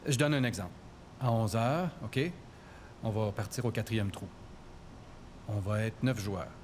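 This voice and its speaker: A man's voice: unhurried, a little mellow, a little hiss or hum. An anonymous contractor, a man with a Québécois accent, speaking through an electronically disguised voice and explaining things bluntly in an interview. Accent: Québécois French. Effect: electronically disguised deep voice. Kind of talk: interview answers.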